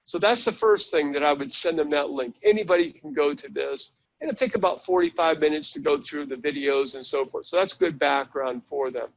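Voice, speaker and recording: A man's voice: fairly high pitch, a little fast, vocal fry, few pauses, highs cut off. A man presenting a live online training session, chatting his way through a website step by step. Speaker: webinar presenter.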